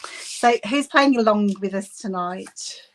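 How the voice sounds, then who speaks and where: A Bristolian woman chats through a live crafting session from home, greeting her viewers by name and giggling a lot. Her medium-pitched voice moves at a slow pace, and the recording, captured on a phone camera on her desk, is rough.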